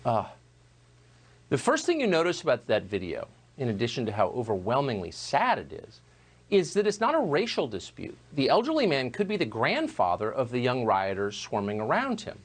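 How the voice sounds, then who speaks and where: A man delivering a scripted opinion monologue as a news host, measured and emphatic. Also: medium pitch, huge pitch swings.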